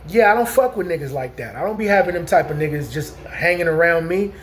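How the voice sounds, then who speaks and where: Talking straight to his viewers, a man in his forties delivers a loose, casual storytelling monologue in a voice pitched unusually high for a man. He's expressive and quick, repeatedly restarting and checking in with "you know what I'm saying," over a faint background hiss.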